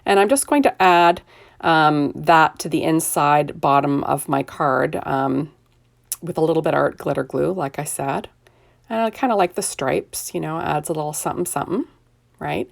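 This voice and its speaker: An older woman hosting a card-making video narrates a casual crafting tutorial in a chatty, self-deprecating way, saying "there we go" at each step. Hoarse while recovering from illness, she has a low, husky, rough voice with vocal fry and speaks at normal speed.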